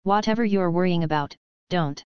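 A woman's voice: lowish voice, moderate pace, clear, resonant tone, no room sound, highs cut off, close to an everyday voice. A woman voicing a big, boisterous male mercenary with jokey, overfamiliar, menacing charm, in an audiobook story. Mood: breezy menace.

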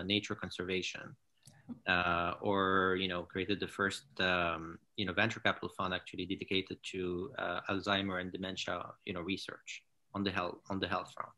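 A man in his thirties from Morocco, a founder talking in a casual interview over a video call from his living room, halting with many fillers and restarts. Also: low voice, level tone, sharp tone. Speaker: founder and CEO, guest. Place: home living room with large window. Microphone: laptop or webcam on a video call.

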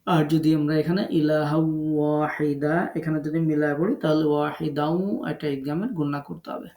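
A man's voice: a little high, little pitch movement, brisk, dark tone, echoey room. A man from Bangladesh teaching an online tajweed lesson as a Quran recitation teacher. He breaks words into syllables and draws out the recited sounds.

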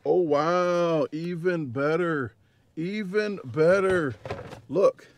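Speaking extremely slowly in a voice on the high side, the man rambles to the camera on his dashboard while parked, full of fillers and restarts, over slight background noise. He's a Midwestern American vlogger and competitive eater in his forties, talking casually.

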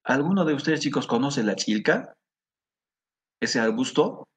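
A middle-aged man with a Peruvian Spanish accent teaching a class, slowly repeating words for students to echo. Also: medium pitch, lively intonation, husky. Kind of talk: classroom lesson.

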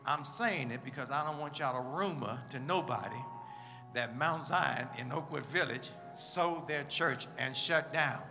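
A man's voice: mid-range voice, unhurried. A man preaching as pastor, leading the congregation in call-and-response and telling jokes between announcements. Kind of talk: church announcements and sermon humor. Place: church sanctuary. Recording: reverberant church hall with music.

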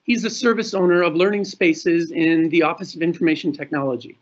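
A middle-aged man hosts a panel from an indoor room, speaking into a webcam. His voice sits high and sounds husky, and the video-call audio is a little muffled. He reads the introductions in a formal way. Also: steady tone, fairly quick. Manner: formal, reading announcements. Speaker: panel moderator.

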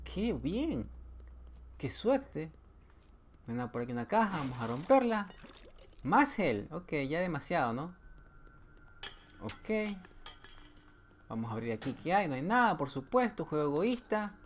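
A man's voice: on the high side, very animated, unhurried, pauses often, a little hiss or hum. Joking man narrating his horror gameplay. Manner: joking, talks to the game, sudden yelps. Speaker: gameplay streamer. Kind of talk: playthrough commentary.

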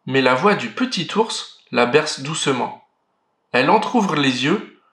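A man reading a children's story aloud, clear and expressive. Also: fairly high pitch, measured pace. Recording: roomy echo.

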